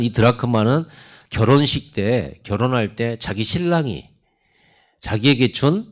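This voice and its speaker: A man preaching a Sunday sermon, retelling Bible stories in a conversational, storytelling way. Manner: storytelling sermon with lively pitch swings; acts out God's and Jonah's lines in quotes. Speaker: pastor.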